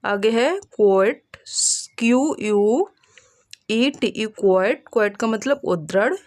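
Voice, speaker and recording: A woman's voice: mid-range voice, slow pace, darkish tone. A woman teaching an English pronunciation lesson. She spells words out letter by letter and asks her learners rhetorical questions.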